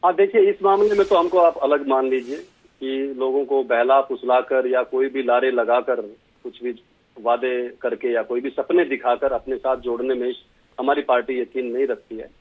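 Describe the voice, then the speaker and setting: A man's voice: medium pitch, fairly even intonation, moderate pace. A man from Haryana, speaking as a party spokesman in a TV political debate, telling folksy anecdotes. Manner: folksy, tells anecdotes with acted quotes. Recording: tinny phone line.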